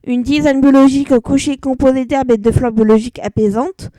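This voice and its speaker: Woman, casual vlog, halting delivery, dry close sound. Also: sits high, fairly even intonation, dark tone, no room sound. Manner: hesitant, many fillers and restarts. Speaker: vlogger. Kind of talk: casual product review vlog.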